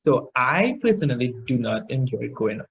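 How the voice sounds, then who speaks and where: Tipsy, halting Trinidadian man in casual chat. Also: mid-range voice, sing-song, narrow, tinny audio, slight background noise. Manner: tipsy, halting, searching for words. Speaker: guest in a makeup challenge video.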